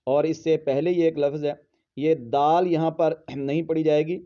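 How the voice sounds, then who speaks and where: Spelling out letters with patience, a fairly high-pitched man teaches Quranic pronunciation during tajweed instruction, now and then breaking into slow, stretched-out melodic recitation. His delivery is flat and the recording muffled.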